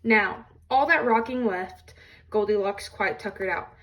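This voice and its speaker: A woman reading a children's storybook aloud in an expressive storytelling style. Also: mid-range voice, unhurried, far from the mic, lo-fi sound.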